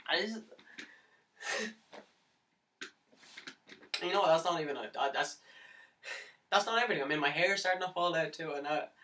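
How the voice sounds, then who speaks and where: Despairing and manic, a man performs an audition-tape monologue as a lovesick young man begging to be heard. His fairly high voice is pushed and bright, faltering and stammering as nervous laughs crack into anguished cries. The mic sits distant in a roomy space.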